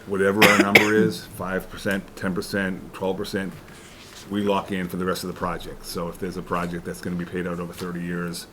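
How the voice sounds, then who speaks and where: A man explaining school costs at a town board meeting, halting and restarting as he goes. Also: low voice, completely flat delivery, bright, forceful tone, slight background noise. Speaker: school official presenting to select board. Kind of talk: public meeting presentation.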